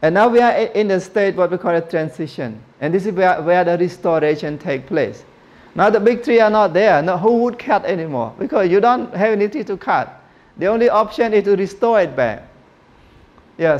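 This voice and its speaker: A middle-aged man from Cambodia lectures a room into a handheld mic, his voice sitting fairly high for a man. He talks loosely, restarting phrases, correcting numbers mid-sentence and asking the audience questions. The recording is a little dull and lo-fi. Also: darkish tone. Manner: informal, repeats and corrects himself, asks audience questions. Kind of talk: classroom lecture. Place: lecture room with projector screen.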